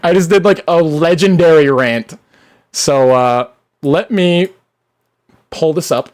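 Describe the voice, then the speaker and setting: A young adult live streamer ranting with heavy swearing and sudden shouts, then reading chat, voice wearing out. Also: medium pitch, slow pace. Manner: profane, animated ranting, bursts into shouting. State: losing voice.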